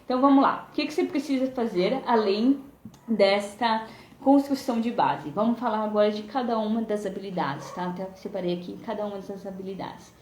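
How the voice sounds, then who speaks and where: Over a phone or webcam mic, a Brazilian woman teaches English in a chatty live-streamed lesson, peppering her explanations with "né?" and "tá?". She speaks a little fast in a medium-pitched, darkish voice, in a roomy space with slight hiss or hum.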